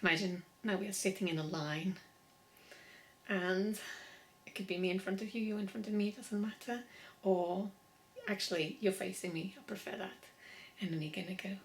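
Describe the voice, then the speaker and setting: A woman's voice: mid-range voice, moderate pace, pauses often, low-quality recording. A woman leading a laughter yoga session, playful, laughing often and chanting vowel sounds. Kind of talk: guided exercise session.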